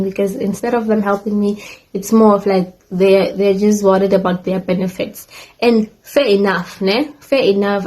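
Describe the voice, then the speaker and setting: A woman's voice: medium pitch, darkish tone, low-quality recording. Chatty young woman telling a rambling story. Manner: chatty, rambling with many restarts and asides to viewers. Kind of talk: casual storytime chat.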